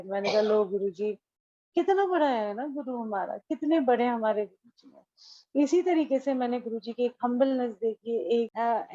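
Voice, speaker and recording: A woman's voice: on the high side, dark tone, no room sound, dull audio. A woman tells a devotional story casually and with feeling, mixing in English phrases and acting out the dialogue. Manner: mixes English phrases into Hindi; emotional, storytelling with quoted dialogue. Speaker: devotee sharing a testimony. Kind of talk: casual spoken testimony.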